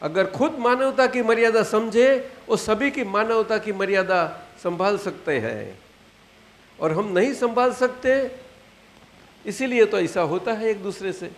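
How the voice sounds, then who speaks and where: A man in his eighties with a Gujarati accent, giving an unhurried spiritual discourse to disciples, repeating phrases and checking that they understand. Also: sits high, lively intonation. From Gujarat, India. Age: 80s. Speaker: spiritual teacher. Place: satsang gathering hall.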